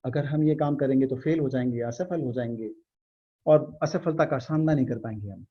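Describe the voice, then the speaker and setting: Husky-voiced man coaching on a call. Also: mid-range voice, normal speed. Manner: earnest, coaching, asks rhetorical questions. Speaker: motivational trainer. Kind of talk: online workshop talk. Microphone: video call. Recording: dull video-call audio.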